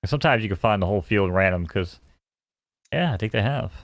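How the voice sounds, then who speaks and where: A man's voice: fairly low pitch, expressive, fast, no room sound, studio quality. A man co-hosting a live stream, chatting loosely and casually with some swearing. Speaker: stream co-host.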